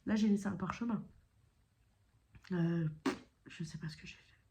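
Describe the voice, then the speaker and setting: A woman chatting casually about her cross-stitch work, her voice mellow and unhurried. She rambles with fillers and self-corrections, and now and then drops to a soft whisper. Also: on the low side. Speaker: cross-stitch video creator. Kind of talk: casual chat showing stitching projects.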